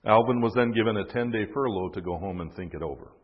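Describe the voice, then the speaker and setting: A man with a low, husky voice tells a history story casually, with fillers and wry asides. The recording sounds dull and echoey, as if in a hall. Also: quick pace.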